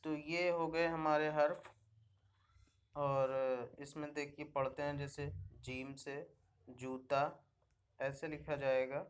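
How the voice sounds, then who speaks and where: In a slow screen-recorded lesson, a man teaches young pupils the alphabet, patiently repeating every word and checking in after each. His voice sits on the high side with a level tone.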